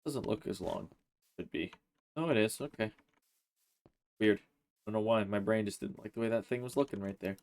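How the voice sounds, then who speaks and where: A man hosting a Let's Play, chatting through his gameplay in a relaxed, rambling way, thinking aloud with plenty of "uh" and "like". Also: fairly low pitch, moderate pace, pauses often. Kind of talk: casual gameplay commentary.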